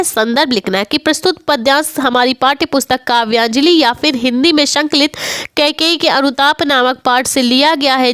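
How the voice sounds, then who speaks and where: A woman teaching an exam-prep lesson, walking through each answer step by step and asking rhetorical questions before giving them. Her voice is high, smooth and clear. The sound is dry and close. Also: fairly bright tone, no room sound. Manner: explains step by step, repeats "ठीक है" and rhetorical questions. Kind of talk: exam-prep lesson, reading passages aloud.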